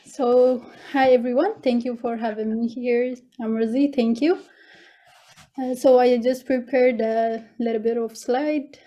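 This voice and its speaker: The audio is lo-fi as a young woman with an Ethiopian accent, a scholarship student, presents informally in an online video meeting. Her voice is on the high side and steady, a little slow, and she hesitates and repeats words often.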